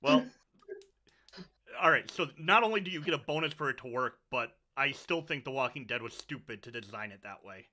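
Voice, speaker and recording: Very bright-voiced man running a game. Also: mid-range voice, animated, moderate pace. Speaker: game master. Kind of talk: casual tabletop game narration and chat.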